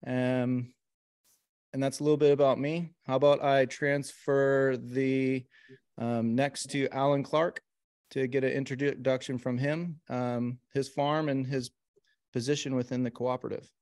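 Man hosting a video call meeting, clear smooth voice, dry sound, easygoing and halting. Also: mid-range voice, no echo. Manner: relaxed, halting with fillers. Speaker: meeting host, co-op vice president. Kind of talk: casual online meeting.

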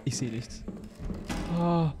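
A man's voice: on the high side, slow, noisy background. A man commentating a horror game in a let's-play, jumpy and jokey, yelping and exclaiming often. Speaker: gamer. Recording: voice over game music.

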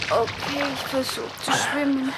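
A woman's voice: high voice, steady tone, measured pace, gravelly. A woman playing a dazed, exhausted survivor pulled from a lake in a horror audio drama. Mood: dazed, weary. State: dazed, worn out. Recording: noisy track with water sound effects.

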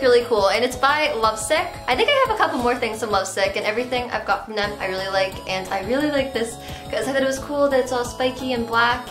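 A young woman, slightly deep-voiced and a bit sick, films a casual haul video in a small bare-walled bedroom. She's bubbly and rambling, saying "like" and "really" a lot, and the camera mic across the room gives her voice a roomy, distant echo.

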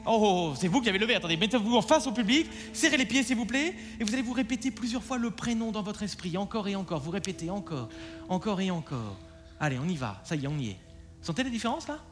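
A man's voice: high voice, big pitch swings, quick pace, music in the background. A man performing as a mentalist on stage, coaxing and directing a volunteer in a theatrical, commanding way, in a live theatre with long reverb.

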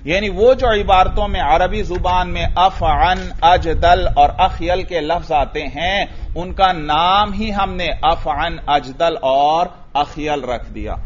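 A man with a Pakistani Urdu accent lectures his class on Arabic grammar, asking questions and answering them himself. His voice sits somewhat high, and he slows into a chanting tone when he recites Arabic text. The recording is dull and lo-fi. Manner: asks students questions and answers them himself, often adds "bhai". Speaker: Islamic grammar teacher.

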